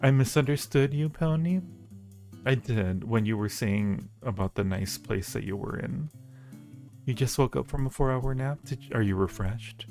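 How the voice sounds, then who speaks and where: This livestream host, who also makes audio roleplays, has a medium-pitched, slightly mellow voice and a moderate pace. He chats with his viewers in a playful, casual, affectionate way while music plays in the background.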